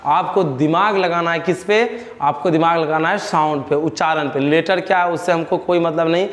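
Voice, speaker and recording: A man's voice: fairly high pitch, steady tone, moderate pace, long reverb tail. A male teacher with a Bihari Hindi accent giving a grammar lesson, asking questions and answering them himself, repeating key words.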